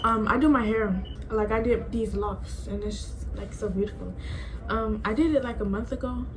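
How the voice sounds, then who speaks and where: A woman's voice: a little high, moderate pace, noisy background. An eighteen-year-old woman vlogging about herself in a rambling, chatty way, filling her talk with "like.". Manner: chatty, rambling, says "like" a lot. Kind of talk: casual talk to camera.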